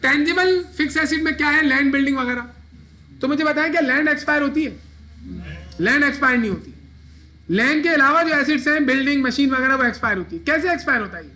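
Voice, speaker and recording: High bright male lecturer quizzing students. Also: lively intonation, fast talker. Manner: asks students questions and answers them himself. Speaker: accounting lecturer. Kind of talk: classroom lecture.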